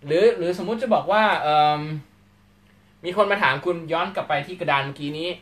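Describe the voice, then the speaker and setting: A man teaching English grammar in a live lecture, animated and acting out short question-and-answer exchanges. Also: fairly high pitch, fairly quick.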